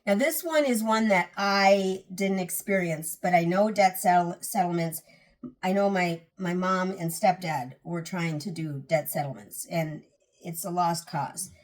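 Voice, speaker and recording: A personal finance vlogger talks casually to camera about getting out of debt, her voice fairly low and her pace measured. Earnest but sounding a little tired, even yawning, she often restarts and repeats phrases for emphasis.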